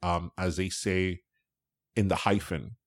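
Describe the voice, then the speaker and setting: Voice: deep voice, fairly even intonation, takes it slowly. A podcast host in a casual interview, speaking reflectively, asking follow-up questions and laughing along with the guest.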